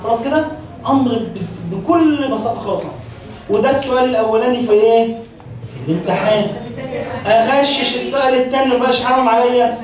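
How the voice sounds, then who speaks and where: A woman with an Egyptian accent teaches a Quran class, talking quickly and stopping often to check in with her students. Her voice is high. She is recorded from a distance in a large hall full of echo. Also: a crowd in the background. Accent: Egyptian Arabic. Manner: brisk, keeps checking in with the class. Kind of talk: classroom lecture. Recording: very echoey hall, distant mic.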